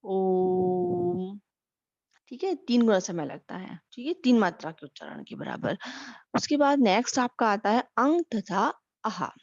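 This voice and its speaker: A woman's voice: on the high side, sing-song, dry recording. Give me a woman teaching grammar for an exam, patient and step by step, with a dry, muffled sound. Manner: explains slowly with repeated checks like "okay?". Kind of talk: exam-prep grammar lesson.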